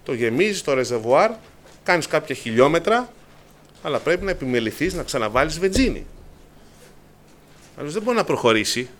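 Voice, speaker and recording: Impassioned male preacher, slightly high voice. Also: sing-song, pauses often. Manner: impassioned preaching, repeatedly addressing "brothers", swelling louder at high points. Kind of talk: sermon.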